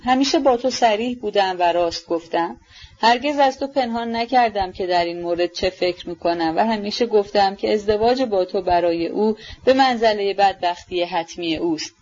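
A woman reading a sincere, gentle young prince in a storybook reading. His speech stays earnest and steady at a middle pitch. The recording is dull and lo-fi. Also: natural voice.

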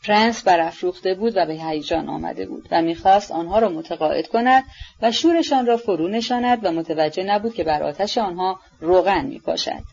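Brief: woman audiobook narrator, husky, mid pitch, dull lo-fi recording. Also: darkish tone.

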